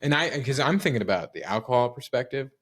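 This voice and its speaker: Sarcastic man with lively swings. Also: medium pitch, quick pace, husky. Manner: swearing, sarcastic, thinks aloud with restarts. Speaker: podcast co-host. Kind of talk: casual chat.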